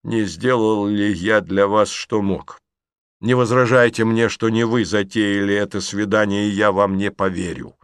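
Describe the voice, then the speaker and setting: A man's voice: fairly low pitch, steady tone, unhurried, smooth, dry recording, studio quality, lightly acted. A man voicing a stern, tormented nobleman who speaks with cold, restrained bitterness. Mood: bitter.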